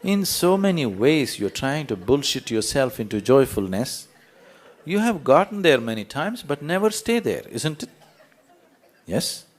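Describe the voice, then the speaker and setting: A man's voice: medium pitch, very animated, measured pace. A man giving a spiritual talk to an audience as a teacher, emphatic and full of rhetorical questions, telling parables.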